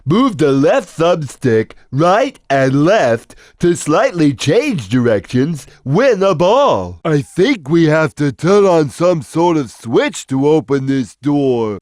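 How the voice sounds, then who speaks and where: A man voicing a big, slow-witted, gentle, good-natured cartoon cat in a video game, speaking in a simple, earnest, drawn-out way. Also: fairly high pitch, no echo, studio quality. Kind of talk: video game character voice lines.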